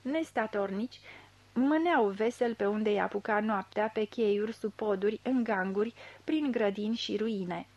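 A woman reading a literary novel aloud in a measured, even storytelling manner into a close studio mic. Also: medium pitch, dull audio. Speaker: audiobook reader. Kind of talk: scripted literary narration.

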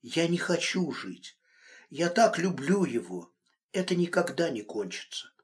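A man's voice: big pitch swings, measured pace. A man voicing a distraught young woman, pleading and emotional. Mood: tearful. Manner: pleading, emotional, rising pitch.

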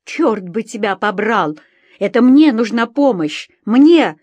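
A woman voicing a frightened, defiant young wife in an audiobook, shouting and pleading. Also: fairly high pitch, expressive, slow pace, slightly rough, dry recording, lo-fi sound, exaggerated voice. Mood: desperate.

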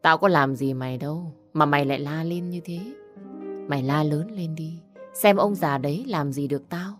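A woman's voice: deep voice, normal speed, music in the background, natural voice. A woman voicing a spiteful young woman who taunts and insults in an audio story. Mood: taunting. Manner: taunting, insulting, picking a fight.

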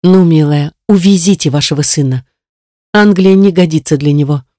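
A kind, generous woman offers calm, steady reassurance, voiced by an audiobook reader. Her tone is mellow and low in brightness. The recording is dry and close. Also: moderate pace, dry recording, natural voice. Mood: reassuring. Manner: soothing, reassuring. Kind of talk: audiobook character reading.

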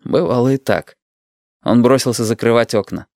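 A man reading a story aloud as narrator, calm and measured. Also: mid-range voice, no room sound, studio quality. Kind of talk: audiobook reading.

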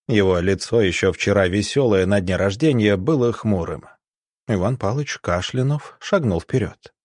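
A man narrating an audiobook in a steady, even storytelling manner. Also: fairly low pitch, normal speed, no echo, studio quality. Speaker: audiobook reader.

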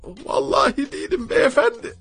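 A man's voice: sits high, fast, fairly bright tone, husky, soft background music, pitched above the performer's own voice. A man voicing a timid, polite stranger who stammers and pleads through tears. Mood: desperate.

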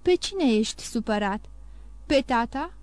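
A woman's voice: a little high, animated, no echo, lightly acted. Woman voicing Valentine, an anxious tender granddaughter. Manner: pleading, affectionate questioning. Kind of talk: audiobook reading.

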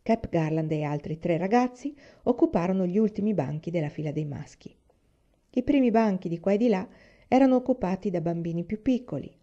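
A woman reading a children's novel aloud in a calm, measured storytelling manner, lifting her voice higher for the characters' lines. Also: lo-fi sound. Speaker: reader.

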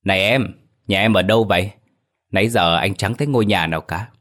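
Male narrator playing a kind young cab driver, low voice, earnest. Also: brisk, a bit bright. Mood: uneasy. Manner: earnest, concerned, stammering when scared.

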